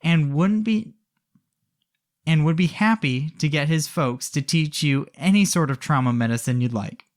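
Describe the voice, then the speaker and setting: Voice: mid-range voice, normal speed. A podcast co-host telling a story casually, with wry asides to the listener.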